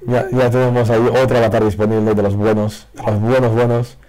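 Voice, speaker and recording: Hoarse man opening card packs. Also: mid-range voice, brisk, soft background music. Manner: excitable, reacts loudly to pulls. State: hoarse, losing his voice. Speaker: card game video creator. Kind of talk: casual pack-opening commentary. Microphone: faulty broken microphone.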